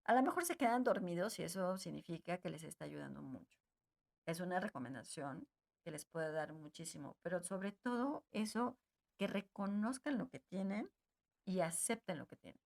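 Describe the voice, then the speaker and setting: Woman, low gravelly voice, gentle and repetitive, speaks straight to her audience. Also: animated, moderate pace. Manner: gentle, repetitive, addresses listeners directly. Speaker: emotional wellness speaker. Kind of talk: advice talk to an audience.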